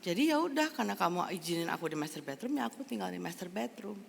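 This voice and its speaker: A woman preacher voicing God in a sermon story, quiet, gentle and matter-of-fact. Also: fairly low pitch, expressive, fast talker, creaky, long reverb tail, slight background noise. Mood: patient. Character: calm gentle male God, patient.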